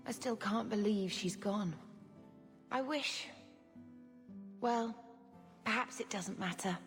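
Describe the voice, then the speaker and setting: A gentle young mage sister, soft and wistful. Her voice trails off into a long reverb, with faint music under it, as in a fantasy game. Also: mid-range voice, takes it slowly.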